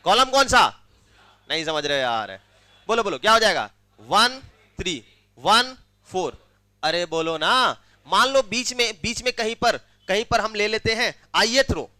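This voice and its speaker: High, bright-voiced maths teacher. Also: male voice, no room sound. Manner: keeps quizzing students with repeated questions. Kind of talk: classroom maths lecture.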